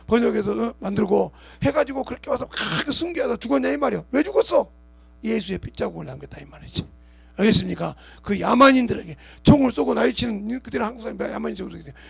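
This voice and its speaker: A man's voice: high voice, vocal fry, breathy edge, dry recording. A man preaching a sermon as pastor of his church, emphatic, acting out imagined speakers and asking the congregation rhetorical questions. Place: church sanctuary.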